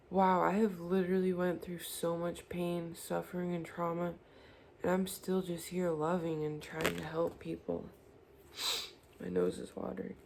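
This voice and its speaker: Tarot reader, woman, mellow dark tone, earnest and reassuring, faint noise behind. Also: fairly low pitch, gravelly. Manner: earnest, reassuring, addresses viewer directly. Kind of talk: spiritual tarot reading.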